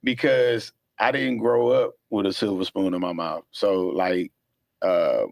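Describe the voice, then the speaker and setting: A middle-aged man hosting a podcast, telling stories casually with plenty of swearing and slow, drawn-out pauses while he thinks. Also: deep voice, fairly even intonation, creaky, dry recording. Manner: laid-back storytelling, profane, drawls when thinking. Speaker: podcast host.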